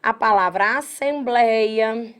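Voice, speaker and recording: Brazilian woman, grammar teacher, slightly high voice, lively lecture style, spells words out slowly. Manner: lively, talks straight to students, acts out their objections. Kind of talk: online exam-prep lecture.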